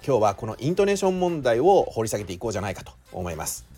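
A man's voice: medium pitch, darkish tone. A man with a Shizuoka accent hosting a solo podcast in a chatty way, often drawing out filler sounds. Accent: Shizuoka Japanese. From Shizuoka, Japan. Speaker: podcast host.

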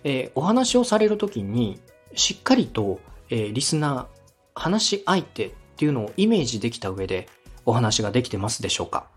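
On a podcast, an animated man with a slightly husky voice at medium pitch runs a coaching segment at a slightly fast clip. A radio director and podcast host, he gives feedback politely in clear steps and acts out examples while faint music plays underneath.

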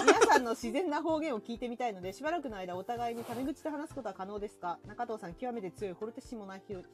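A woman from Tokyo hosting a casual group chat, reading listener letters and laughing freely. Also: a little high. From Tokyo, Japan.

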